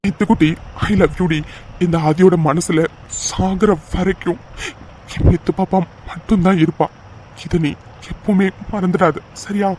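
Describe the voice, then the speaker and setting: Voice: mid-range voice, steady tone, unhurried, a little mellow, a little hiss or hum, close to an everyday voice. A voice actor playing a lovesick young man full of guilt, earnest and pleading in a cartoon dub. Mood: devoted.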